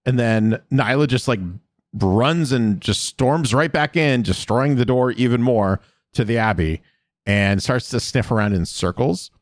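A man co-hosting a podcast, reading a scene recap in casual chat and dropping into quick voiced quotes with fillers. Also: mid-range voice, no echo, studio quality. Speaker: podcast co-host recapping episodes.

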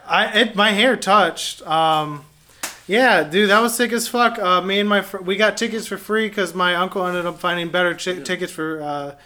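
A man's voice: high voice, moderate pace, pushed and bright, a little hiss or hum. A young American man in a casual podcast chat, talking like a frat bro with slangy, heavy swearing.

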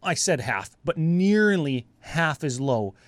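A man's voice: on the high side, very animated, slow, no echo. A man hosting a podcast, telling stories casually and colloquially, swearing and acting out conversations. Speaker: podcast host. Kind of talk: casual chat, animated storytelling.

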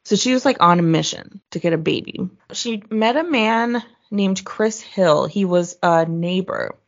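A young woman telling a true crime story to a friend on a podcast, her voice carrying a gravelly fry. She chats loosely, swears now and then and pitches up to quote people. The sound is a little dull and lo-fi. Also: expressive, unhurried. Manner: chatty, swears casually, acts out quotes in a higher voice. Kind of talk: casual storytelling chat.

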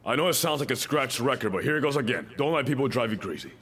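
A man's voice: mid-range voice, animated, fast, a bit bright. A male pastor preaching a sermon, emphatic and repeating his key lines, with joking asides to the congregation.

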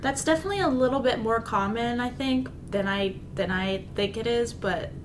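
A woman in her twenties hosting a casual interview podcast, bubbly and quick to react. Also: a little high, background noise. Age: 20s. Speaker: podcast host, real estate agent.

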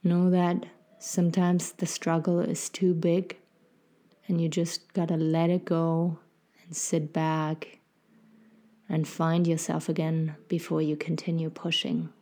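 Soft, slow, mellow woman guiding meditation. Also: low-pitched, monotone. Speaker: podcast host and meditation guide. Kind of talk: guided meditation.

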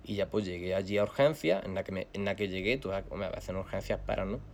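A young man, telling a story casually as a guest, animated and slangy with frequent swearing. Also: deep voice, quick pace, gravelly, a little hiss or hum.

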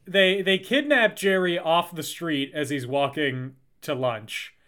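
Bright-voiced man recapping a film. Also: on the high side, slow pace. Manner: recounts plot, acts out quotes with lively jumps. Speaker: podcast co-host. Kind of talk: casual film recap chat.

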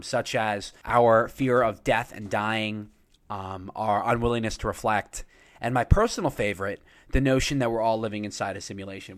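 A man hosting his own podcast, chatting casually and talking fast, with lots of fillers and restarts. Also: lowish voice, a bit bright. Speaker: podcast host. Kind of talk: casual solo podcast intro.

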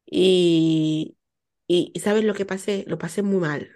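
A woman's voice: on the low side, slow pace. Chatty woman. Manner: animated storytelling with many repetitions and asides. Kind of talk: casual chat about motherhood.

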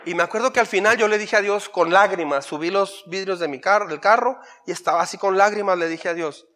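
A man with a Mexican accent, a pastor preaching an animated sermon that swings from loud to soft. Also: high-pitched, fairly quick.

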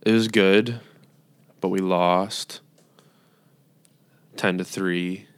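A man's voice: low voice, fairly even intonation, clean tone, no echo. A young man co-hosting a casual podcast from home, hesitant and full of fillers. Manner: slow, hesitant, many fillers. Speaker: podcast co-host. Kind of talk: casual chat. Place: home, remote recording.

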